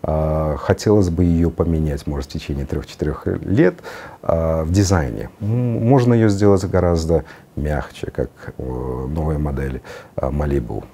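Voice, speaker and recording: Middle-aged male guest, very deep and mellow, halting conversational delivery. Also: breathy edge. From Uzbekistan. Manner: hesitant phrasing, slips in English words. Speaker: interview guest, car designer. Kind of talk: conversational studio interview. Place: TV studio. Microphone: lapel.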